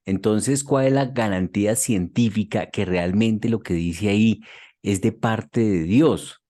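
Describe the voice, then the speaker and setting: A man with a Colombian accent hosting a radio interview, asking measured questions. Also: lowish voice, warm tone. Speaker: radio host.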